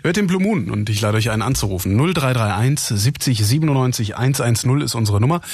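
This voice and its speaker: A man's voice: medium pitch, lively intonation, a little fast, breathy edge, dry recording. A man with a Cologne accent hosting a late-night radio call-in show in an easygoing, chatty way, asking follow-up questions. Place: radio studio.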